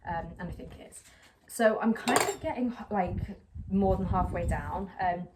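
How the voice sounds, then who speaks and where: A plant vlogger, young and English, chats to the camera in a lowish voice at normal speed while repotting a plant. She rambles, sounds self-conscious, and uses plenty of fillers. Outdoors on a patio by a brick wall, a little wind blows, and the clear recording carries outdoor noise behind her.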